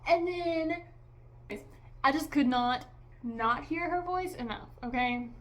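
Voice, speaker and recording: High-voiced young woman ranting casually. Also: slow. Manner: chatty, exasperated, heavy use of "like" and "okay?". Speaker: vlogger reviewing a movie. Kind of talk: casual opinionated review.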